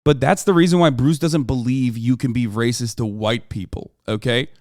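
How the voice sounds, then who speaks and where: This Turkish streamer has a medium-pitched, slightly mellow voice with fairly even intonation and a moderate pace, recorded dry and at studio quality. Live on stream, he emphatically explains his view to chat, swearing for emphasis and often checking in with "okay?".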